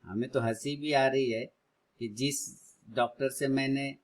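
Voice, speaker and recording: A man in his thirties hosting a live trading stream, chatting casually with viewers and loudly urging prices on. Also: mid-range voice, measured pace. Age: 30s. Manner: excitedly cheers prices on, then chats calmly with viewers.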